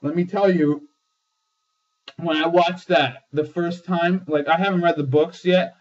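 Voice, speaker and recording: A man hosting a casual TV episode review, excitable and swearing often, with lots of fillers. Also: on the high side, a little slow. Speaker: host. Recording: dull lo-fi sound, distant mic.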